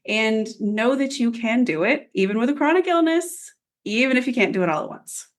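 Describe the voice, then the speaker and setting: A woman's voice: on the high side, animated, moderate pace. A woman co-hosting a podcast, talking in a reflective, casual way with many ums and you-knows. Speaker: podcast co-host.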